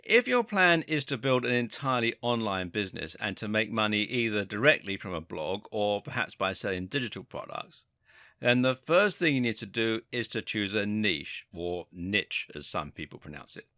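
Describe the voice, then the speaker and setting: A man narrating a scripted marketing lesson in a measured, explanatory way. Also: fairly low pitch, very animated, sharp tone, no echo, clean studio sound. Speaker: course instructor.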